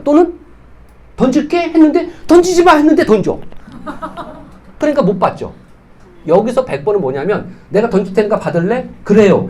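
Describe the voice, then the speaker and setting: This is a man lecturing at a sales training seminar. His voice sits high and carries a husky grain. He leaps around in pitch as he presses rhetorical questions on the room and acts out little exchanges. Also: darkish tone. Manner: emphatic, fires rhetorical questions at the audience; acts out quoted dialogue. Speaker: business team leader giving a seminar.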